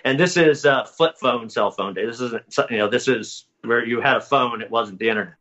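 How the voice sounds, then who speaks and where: Bright-voiced man telling a story. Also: mid-range voice, a little fast. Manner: rambling, self-correcting narration. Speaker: guest recounting experiences. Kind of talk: casual storytelling. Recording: dull lo-fi audio.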